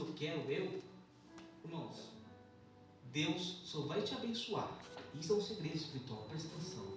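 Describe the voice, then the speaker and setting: A man preaching a sermon to his congregation, emphatic and repetitive, swinging from quiet to shouting. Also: a little high. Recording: echoey church hall, distant mic, music.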